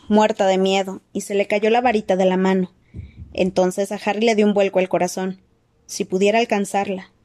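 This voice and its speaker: A woman reading a fantasy novel aloud with dramatic, expressive storytelling. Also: medium pitch. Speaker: audiobook reader. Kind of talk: expressive audiobook narration.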